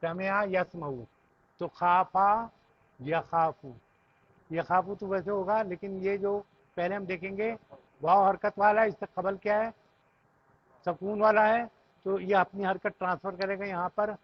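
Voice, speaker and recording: A man from Pakistan with an Urdu accent patiently teaches Arabic grammar to a class, reciting verb conjugations in lists and checking that students follow. His high voice is unhurried with fairly even intonation and long pauses, in a dull lo-fi classroom recording with no room sound.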